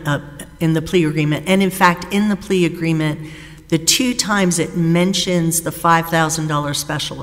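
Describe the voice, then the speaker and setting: A woman defense attorney giving a formal appellate oral argument in a measured, deliberate way, pausing often on "uh". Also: low voice, fairly bright tone. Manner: measured, deliberate, with frequent "uh" pauses. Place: courtroom. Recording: reverberant courtroom sound.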